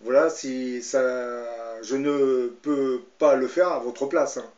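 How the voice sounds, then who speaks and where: A man's voice: medium pitch, steady tone, slow pace, darkish tone, close to an everyday voice. A man reading aloud the lines of a brusque, impatient female emergency operator. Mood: curt. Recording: roomy, slightly dull sound.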